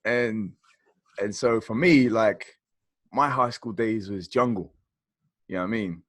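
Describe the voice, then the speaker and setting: A man's voice: lowish voice, a little slow, a bit bright, no room sound. A man, co-hosting a podcast and chatting about music in an enthusiastic, rambling way. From South Croydon, London, England. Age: 40s. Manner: enthusiastic, rambling, peppered with "you know". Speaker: podcast co-host. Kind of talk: casual chat about music.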